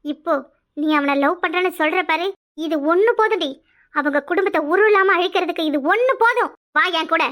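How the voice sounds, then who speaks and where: Voiced by a woman, the cartoon's conniving, domineering village mother scolds in a shrill, very high, piercing squeal. The nagging comes rapidly in a Kanyakumari Tamil accent and keeps climbing into yells.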